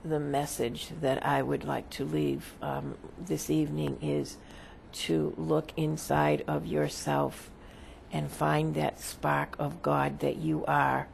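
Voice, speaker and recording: A seance medium delivering a solemn spiritual message as a channeled spirit, in a creaky voice with halting, deliberate, formal phrasing. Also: medium pitch, slight background noise.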